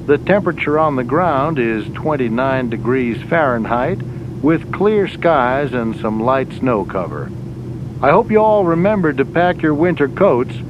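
Over a muffled intercom, an airline captain speaks to his passengers slowly and deliberately. Each announcement comes out carefully paced and steady. A loud engine rumble sits behind the dull, lo-fi sound. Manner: measured, deliberate delivery. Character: calm male airline captain making cabin announcements. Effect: over the aircraft intercom. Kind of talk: scripted in-flight announcements for a language lesson.

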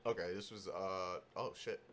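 A man's voice: sits low, fairly even intonation, moderate pace, a bit bright, slight background noise. A man hosting a casual gaming news chat, talking bluntly in slangy, profane bro speak. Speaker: podcast host.

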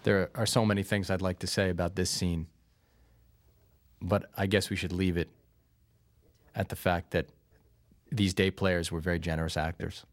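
A man's voice: low voice, little pitch movement, moderate pace, long pauses. A man giving casual, anecdotal film commentary as a filmmaker, close on the microphone. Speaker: filmmaker and screenwriter.

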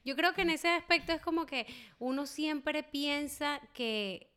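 A woman's voice: sits high, measured pace, sharp tone. A woman, co-hosting a casual podcast and agreeing often with short replies. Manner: agreeable, frequent short affirmations. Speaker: podcast co-host.

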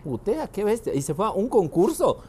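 A crude, laughing Ecuadorian man banters with friends, his voice sitting a bit high. Chatter from a crowd runs behind him. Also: sing-song, normal speed. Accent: Ecuadorian Spanish. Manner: profane, laughs often, jokey. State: married. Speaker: podcast co-host.

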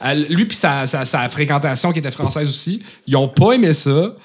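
A young adult man with a Quebec French accent, chatting casually and telling anecdotes in slangy, halting phrases. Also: a little high, expressive, breathy edge. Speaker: podcast participant.

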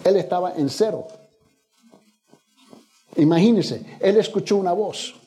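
In church, a pastor preaches a sermon, telling a story with acted-out lines and building to emphatic peaks. His voice is high, mellow, and unhurried.

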